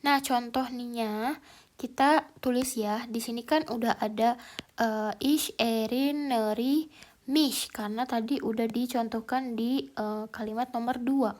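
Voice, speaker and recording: A woman's voice: fairly high pitch, steady tone, normal speed, darkish tone. A woman teaching a language lesson in a casual, explanatory way, hesitant and thinking aloud with many fillers. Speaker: German language tutor.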